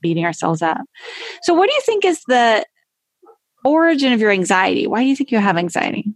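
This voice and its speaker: Woman w/ a gravelly husky voice, chatty and animated, laughs a lot, dry close sound. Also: a little high, brisk, no room sound. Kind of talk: casual conversation.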